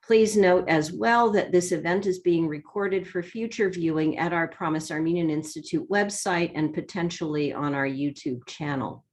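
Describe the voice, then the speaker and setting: A woman hosting an online seminar, giving a measured, formal introduction with an occasional filler. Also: lowish voice. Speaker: seminar host. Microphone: video call.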